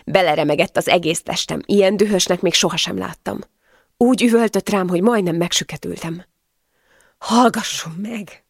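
A woman's voice: lowish voice, gravelly, no room sound, studio quality. A woman narrating a first-person novel as an audiobook, with emotional storytelling.

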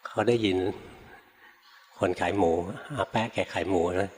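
Older Thai monk giving a relaxed sermon. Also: male voice, sits low, measured pace. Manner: relaxed, conversational teaching with frequent particles and anecdotes. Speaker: Buddhist monk teacher. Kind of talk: Dharma talk. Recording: long hall reverb.

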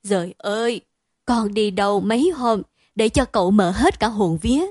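A woman's voice: medium pitch, moderate pace, darkish tone, no room sound, clean studio sound, lightly acted. A woman voicing a tearful, worried father who pleads with his returned son, in her own voice. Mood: pleading.

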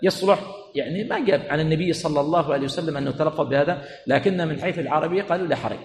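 Male sheikh giving a classroom lesson, pitched a little high, drawing out words and quizzing the room, recorded in a reverberant hall with faint background noise. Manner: prompts students with repeated questions, stretches words slowly. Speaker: sheikh teaching a religious lesson. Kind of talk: classroom lecture. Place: teaching center hall.

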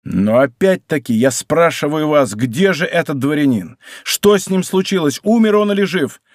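A man's voice: fairly high pitch, animated, normal speed, dry recording, studio quality, lightly acted. A man voicing a hot-tempered young nobleman who speaks sternly and threateningly.

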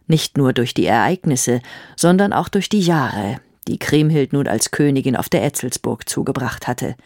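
A woman narrates an audiobook with a low, very expressive voice. She reads slowly and often drops into a whisper. The sound is dry and close. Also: no echo. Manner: dramatic, sinks to whispers.

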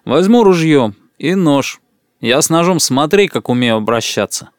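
A man's voice: on the high side, lively intonation, normal speed, dry recording, clean studio sound, natural voice. A man playing a boastful, tipsy boss. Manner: loud, swaggering, lecturing. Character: boastful tipsy middle-aged male boss. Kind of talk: audiobook character voice.

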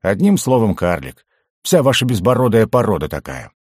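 A man's voice: lowish voice, big pitch swings, moderate pace, breathy edge, no room sound, pitched above the performer's own voice. A man voicing a hot-tempered bearded male gnome who grumbles and bellows, in a dry, close recording. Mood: indignant. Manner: loud, grumbling, exasperated.

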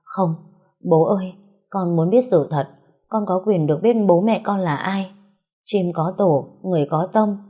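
A woman's voice: fairly low pitch, a little slow, dark tone. A woman voicing a young adult daughter who pleads through tears, in a storybook reading. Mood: pleading. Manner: sobbing, pleading.

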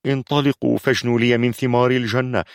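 A man's voice: medium pitch, little pitch movement, fast, vocal fry, clean tone, no echo, studio quality, voice pushed up, natural voice. A man voicing an anxious young captive who stammers as he explains. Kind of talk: audiobook narration.

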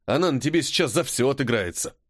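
A man's voice: mid-range voice, lively intonation, fast, fairly bright tone, dry recording, clean studio sound. A man voicing a whining, wheedling teenage schoolboy who pesters his classmate, in an audiobook. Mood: whiny. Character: whiny cowardly teenage boy, a pestering schoolmate.

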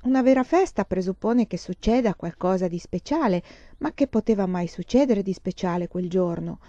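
A woman reading a children's novel aloud in a measured storytelling voice, close to the mic. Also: mid-range voice, animated, dry recording, lo-fi sound. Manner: measured reading, slowing on narration, brighter for children's lines. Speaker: reader.

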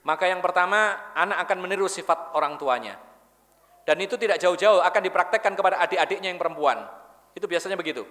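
A man's voice: sits high, a bit bright. A man giving a religious lecture in a mosque, telling stories and putting questions to the audience. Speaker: Islamic preacher. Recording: long reverb of a mosque hall.

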